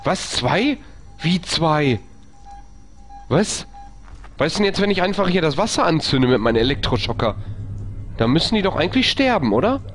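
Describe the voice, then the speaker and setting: A man streaming a horror game, talking to himself in panicky bursts and repeating phrases. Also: sits high. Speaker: let's play streamer. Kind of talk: live gameplay commentary.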